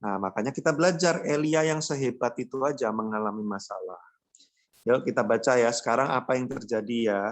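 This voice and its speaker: A man's voice: mid-range voice, brisk. A man preaching a casual, joking youth sermon, slangy and acting out quoted voices. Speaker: youth pastor.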